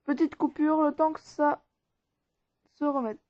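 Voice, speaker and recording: A woman with a high, steady, slightly mellow voice walks viewers through an app tutorial step by step at a measured pace. As the tutorial's maker, she keeps things casual, informal, and rambling. The recording is dry, dull, and lo-fi.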